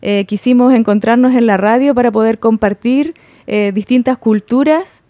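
A woman with a Chilean accent hosting a community radio show, announcing steadily and earnestly with frequent pauses, in a studio. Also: fairly high pitch, no room sound, dull audio. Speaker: radio host.

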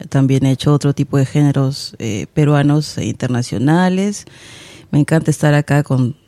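Woman guitarist, relaxed, hesitant, mellow dry voice. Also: deep voice, normal speed, no echo. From Peru. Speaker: guitarist guest. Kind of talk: radio guest introduction.

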